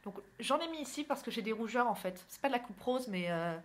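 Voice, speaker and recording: A woman's voice: fairly high pitch, lively intonation, brisk. A young woman from northern France, chatty and self-mocking, talking through her makeup routine in a casual tutorial. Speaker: beauty vlogger. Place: indoors at home, by a window.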